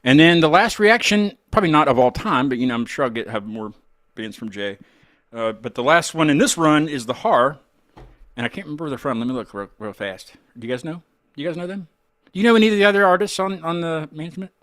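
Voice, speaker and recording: An American man hosts a casual music show and interviews guests, rambling informally with a bit of mild swearing. His voice is on the high side, expressive, fast, and a little bright, recorded at studio quality with no room sound.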